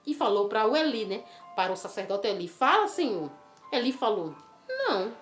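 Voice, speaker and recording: A woman telling a Bible story to children, animated and coaxing, asking the listener questions. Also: medium pitch, fast talker. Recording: roomy with faint music.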